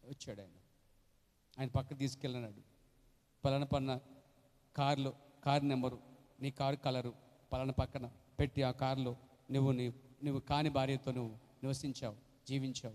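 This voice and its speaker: A man's voice: mid-range voice, darkish tone, big-room sound. A man preaching as a pastor, emphatic and questioning his congregation. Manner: emphatic, questioning the congregation, acting out quoted voices. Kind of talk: Telugu sermon with acted quotes. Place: church hall.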